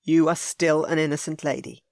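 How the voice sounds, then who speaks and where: A woman voicing a reserved, brooding duke in a romance audiobook, speaking firm and measured. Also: deep voice, steady tone, vocal fry, a little mellow, no room sound, clean studio sound.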